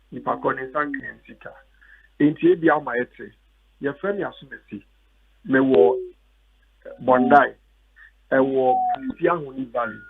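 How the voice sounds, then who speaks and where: A man's voice: mid-range voice, vocal fry. A Ghanaian man, a cocoa board official, arguing insistently as a phone guest in a heated radio debate. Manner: insistent, repeats words when cut off. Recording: tinny phone line.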